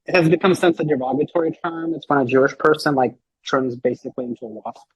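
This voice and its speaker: A man talking as a podcast guest, rambling and animated, with lots of filler words and a husky voice. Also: medium pitch, fast talker, no echo, poor audio. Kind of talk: casual podcast chat.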